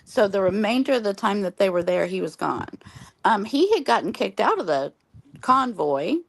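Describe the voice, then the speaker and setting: A woman's voice: mid-range voice, big pitch swings, normal speed, creaky. A woman from Oklahoma hosting a casual late-night livestream chat, telling long earnest stories with many ums while losing her voice from smoky air. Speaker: livestream host.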